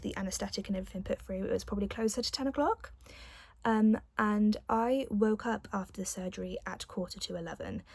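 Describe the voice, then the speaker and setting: A woman's voice: medium pitch, darkish tone, no echo. A young adult woman telling a personal story in a casual, chatty vlog style, with the odd light giggle. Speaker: vlogger.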